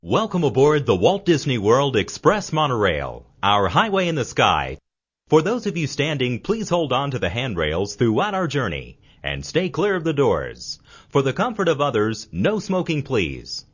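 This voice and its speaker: Give me a male monorail announcer on a muffled loudspeaker. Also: medium pitch, wildly swooping pitch, breathy edge. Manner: polite, measured announcer delivery. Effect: transit public-address announcement. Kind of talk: recorded onboard safety announcement. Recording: muffled, lo-fi onboard loudspeaker audio.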